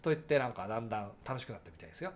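A man's voice: medium pitch, lively intonation, very fast. A man in his forties with a nasal voice, hosting a casual livestream and chatting back to viewer comments. He projects his voice so that it carries, and he talks freely with a lot of fillers. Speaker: livestream host.

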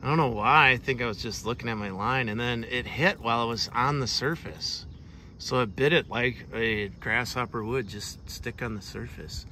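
A man vlogging while fishing at a creek outdoors, excitable and laughing often as he explains his catch. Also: mid-range voice, normal speed. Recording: outdoor noise in background.

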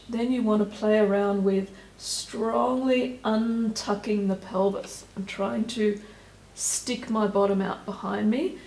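Calm woman guiding stretches in a roomy space. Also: medium pitch, vocal fry. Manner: calm, step-by-step cueing with counted holds. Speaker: stretching instructor. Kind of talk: guided exercise instruction.

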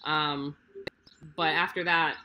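A woman with a hoarse voice hosting a livestream, chatting casually about race plans with rambling side remarks. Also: deep voice, steady tone, slow, bright, forceful tone, a little hiss or hum. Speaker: livestream host of a cycling race team.

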